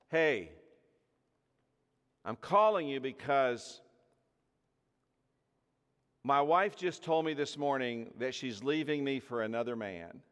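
Pastor guy preaching, acts out the dialogue in his stories, mid pitch, big reverby hall. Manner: animated storyteller acting out dialogue. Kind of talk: sermon with personal story. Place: church hall with audience.

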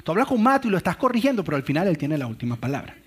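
A man's voice: fairly high pitch, big pitch swings, racing, slightly rough. A middle-aged man, a pastor, preaching a sermon on family conflict and telling stories with acted-out quotes. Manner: storytelling with acted-out quotes and laughs.

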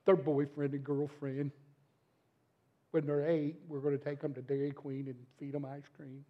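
A man's voice: on the high side, level tone, moderate pace, muffled recording, lightly acted. A man imitating a gushing, doting young mother in his sermon.

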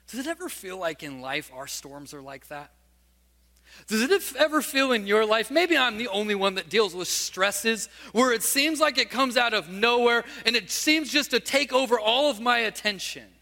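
Male pastor with a very high, bright voice, preaching in a storytelling way. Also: big-room sound. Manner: storytelling, asks the listeners questions. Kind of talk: sermon.

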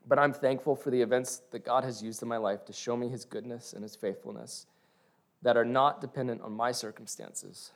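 A man's voice: medium pitch, fairly even intonation, a little fast. A man reading a prepared religious testimony aloud, including scripture. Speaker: speaker sharing testimony.

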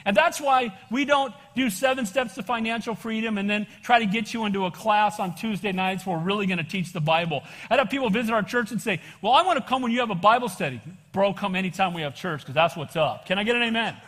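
Older american guy preaching a bible sermon, high voice, keeps asking for amens, big echoey church. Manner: exhorting, often calls for amens, conversational asides. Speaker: pastor preaching to a congregation. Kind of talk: evangelical sermon, expository Bible teaching. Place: large church room, preaching to congregation. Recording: echoey hall with long reverb.

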